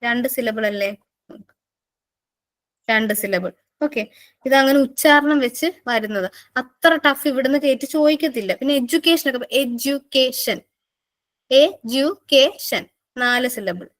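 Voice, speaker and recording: A woman's voice: sits high, normal speed, a bit bright. A woman with a Malayali accent teaching an exam-prep lesson, explaining patiently, repeating words and putting questions to her students. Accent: Malayali English.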